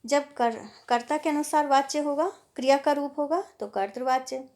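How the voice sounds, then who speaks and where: Woman teaching a Hindi lesson, fairly high voice. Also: moderate pace, a little mellow. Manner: patient and explanatory, with fillers and worked examples. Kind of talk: explaining a textbook lesson.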